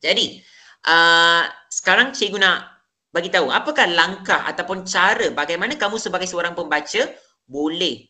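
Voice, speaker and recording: A woman's voice: fairly low pitch, moderate pace, pushed and bright. A young woman with a Malaysian Malay accent, teaching a class and asking the pupils questions as she explains. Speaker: teacher in a simulated lesson. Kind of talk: classroom lesson presentation.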